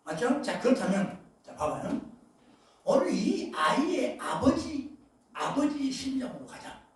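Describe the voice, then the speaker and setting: A male pastor preaching a sermon, emphatic, with loud bursts and asides, often questioning his congregation. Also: very high voice, big pitch swings, measured pace. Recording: very echoey hall, voice far from mic.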